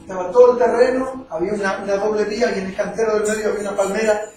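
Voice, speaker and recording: A man's voice: sits high, steady tone, rapid-fire, a little mellow. A man, an evangelist preaching a sermon and telling his own testimony with emotion. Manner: emotional storytelling preacher, acting out quoted voices. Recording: echoey far-off mic with faint music.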